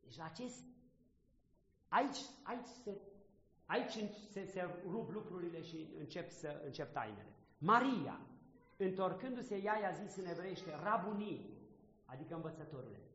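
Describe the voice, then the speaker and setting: A man with a high voice preaches, reading scripture and thinking aloud with questions put to his listeners. His voice rings with the long reverb of a large room, and the sound is somewhat dull. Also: lively intonation. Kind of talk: sermon commenting on scripture.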